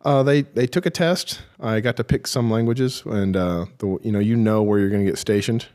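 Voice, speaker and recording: Speaking as an interview guest, this low-voiced, middle-aged man looks back on his years in the military in a darkish tone. The storytelling is relaxed, laced with dry self-mockery and frequent filler-filled pauses as he sorts out what to say.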